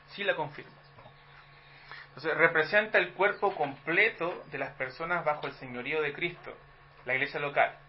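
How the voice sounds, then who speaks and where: A man's voice: high voice, lo-fi sound, slight background noise. A Chilean man preaching a sermon in a conversational teaching manner, asking the congregation rhetorical questions. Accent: Chilean Spanish. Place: church hall.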